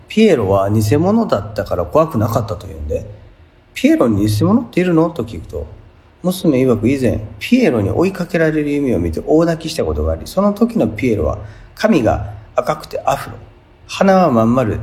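A man's voice: medium pitch, darkish tone. A man with a Kansai accent hosting a radio show, reading listener letters and giving chatty, amused commentary. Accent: Kansai Japanese. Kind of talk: casual radio chat.

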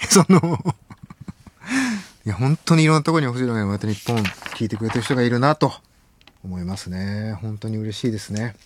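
A middle-aged man hosting a late-night radio show, excitable, jumping between loud exclamations and low muttered asides, on a close studio mic. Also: slightly rough.

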